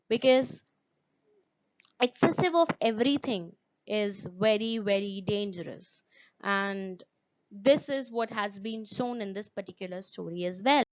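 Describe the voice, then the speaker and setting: Woman teacher, lo-fi recording. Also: a little high. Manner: repetitive, asks the class questions, stresses words with "very, very". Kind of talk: classroom lesson explaining a story.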